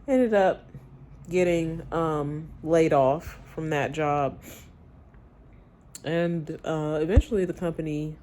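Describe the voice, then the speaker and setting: A woman speaking candidly in a personal vlog, confiding and reflective, with halting phrases and pauses. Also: deep voice, mellow. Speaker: vlogger.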